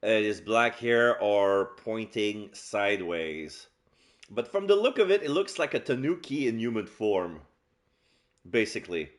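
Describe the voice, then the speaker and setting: A man doing casual let's play narration, describing game scenes aloud in a halting way. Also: lowish voice, lively intonation. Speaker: game streamer and voice-over player.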